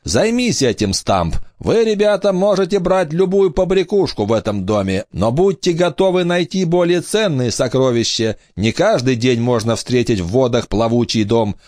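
Man putting on a shrill pirate captain, squeaky high voice, gloating menace, lively swoops, dry storybook read. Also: moderate pace, hardly any pauses, dry recording, natural voice. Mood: commanding.

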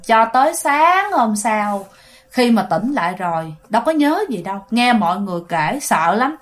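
A woman narrating ghost stories casually and expressively, often talking straight to her listeners. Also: medium pitch. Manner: chatty, expressive, frequent asides to listeners. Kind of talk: casual storytelling, addressing listeners.

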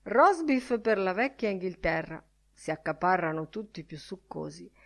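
A woman narrating a literary audiobook in a calm, varied reading. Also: lowish voice, moderate pace, gravelly.

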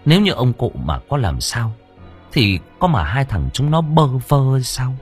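A man narrating an audiobook story in a lively, expressive reading. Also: medium pitch, measured pace, faint music behind.

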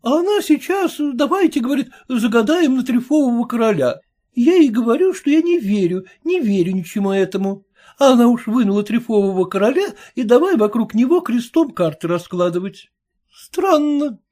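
A woman voicing a haughty, irritable young married woman in an audiobook, with a sharp, scornful manner. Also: fairly high pitch, animated, normal speed, pitched above the performer's own voice. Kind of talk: audiobook reading.

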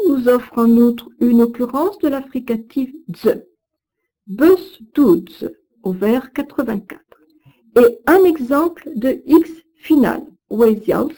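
Woman lecturer, mellow and somewhat high, measured careful delivery, syllables stressed. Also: low-quality recording. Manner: slow, deliberate diction, stressing syllables. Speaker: teacher of Old French. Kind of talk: recorded course lesson with recited verse.

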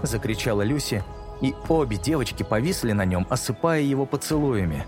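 A man narrating a children's story in a measured pace, slowing down for dramatic moments. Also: medium pitch, lively intonation. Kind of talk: audiobook narration. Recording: music bed under narration.

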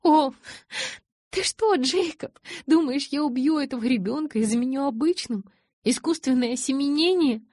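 A woman voicing a gentle but stubborn pregnant young woman in an audiobook, soft and reassuring. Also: a little high, expressive, normal speed, husky, dry recording, studio quality, pitched above the performer's own voice. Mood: indignant. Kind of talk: audiobook character voice.

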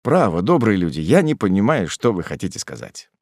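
A man doing a calm young traveller. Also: on the low side, brisk, dry recording, clean studio sound.

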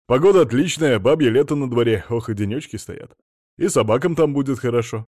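A henpecked wealthy husband pleading loudly and emphatically with his wife, as read by a male narrator. Mid-pitched, dry, close-miked. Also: animated, a little fast, no echo, close to an everyday voice. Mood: emphatic. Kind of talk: audiobook character reading.

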